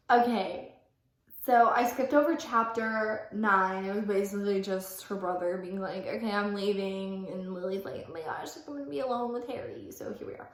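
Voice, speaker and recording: Chatty young woman in an echoey room. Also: medium pitch. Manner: self-mocking asides, stops to correct her own reading; chatty, fills speech with "like". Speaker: vlogger. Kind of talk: reading aloud with casual commentary. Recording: roomy echo.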